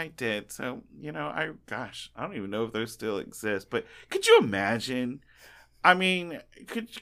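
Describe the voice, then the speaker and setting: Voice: medium pitch, pushed and bright. A podcast co-host in casual chat, rambling through stories with playful teasing.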